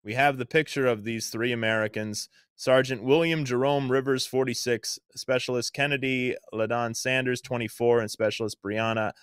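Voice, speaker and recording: A man's voice: medium pitch, fairly even intonation, normal speed, hardly any pauses, fairly bright tone, clear, resonant tone, no echo, studio quality. Indignant man on a political podcast. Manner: indignant, sarcastic, mocking mimicry. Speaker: podcast co-host. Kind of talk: casual political chat.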